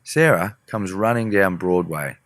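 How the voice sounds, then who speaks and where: A man's voice: low-pitched, unhurried, a bit bright, no echo, studio quality. A man, a musician guest, telling a story in a rambling, casual way with frequent swearing. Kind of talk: casual storytelling in a podcast interview.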